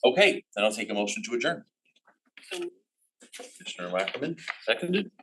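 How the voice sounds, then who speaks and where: A man chairing a town commission meeting, reading public comments with many pauses and filler words. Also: medium pitch, sing-song, fairly bright tone, a little hiss or hum, rough recording. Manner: halting, many ums and restarts.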